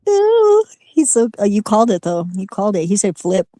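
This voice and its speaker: Lively, mellow-voiced woman chatting. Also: mid-range voice, moderate pace, no room sound, clean studio sound. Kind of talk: casual reaction chat.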